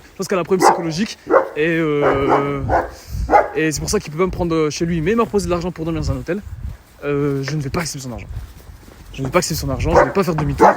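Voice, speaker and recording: A young man from Belgium, vlogging on foot through a city at night, tired and frustrated, repeating himself as he talks to his phone. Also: fairly high pitch. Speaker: travel vlogger. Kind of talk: casual vlog talk to camera. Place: outdoors in a city street at night. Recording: street noise outdoors.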